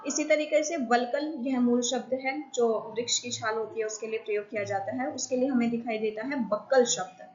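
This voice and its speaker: A woman, an assistant professor of Sanskrit, lecturing in a slow, explanatory way with many pauses. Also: a little high, a little mellow. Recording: dull, lo-fi.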